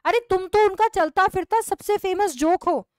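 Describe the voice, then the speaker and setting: Brief: sharp-tongued middle-aged mother from a play, high and indignant, read out by a woman teacher. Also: normal speed, no room sound, studio quality. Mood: scolding. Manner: scolding, raised and indignant.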